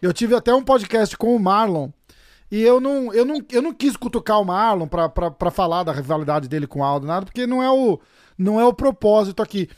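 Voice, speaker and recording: A man's voice: high voice, expressive, brisk, darkish tone, no room sound, studio quality. A Brazilian man hosting a casual podcast interview, enthusiastic, laughing often and dropping slangy interjections. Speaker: podcast host.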